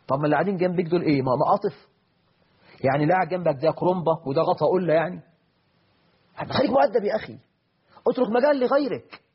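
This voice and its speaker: A man with an Egyptian Arabic accent giving an Islamic sermon. He is animated, moving between solemn quoted verses and lively colloquial asides. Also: a little high, slightly rough. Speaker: preacher. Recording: dull lo-fi audio.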